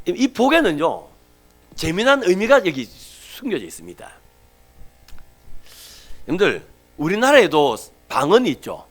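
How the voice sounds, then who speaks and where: Animated Gyeongsang-accented male pastor. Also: high-pitched, a little slow, pauses often. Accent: Gyeongsang Korean. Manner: animated storytelling, acting out everyday people, dropping to near whispers for emphasis. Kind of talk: sermon.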